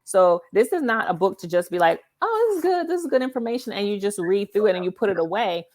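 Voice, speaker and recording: Sing-song and quick, this woman's medium-pitched voice has a darkish tone. As a talk show host in a conversational interview, she explains emphatically and keeps checking in with the listener, often asking "right?".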